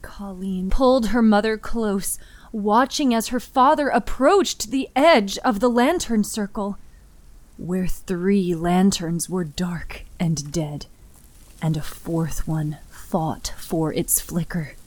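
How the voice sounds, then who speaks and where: Speaking at a medium pitch, a woman tells a horror story very slowly and gravely. Her dramatic, deliberate delivery leans on breathy emphasis that frequently sinks nearly to a whisper. The recording has no echo.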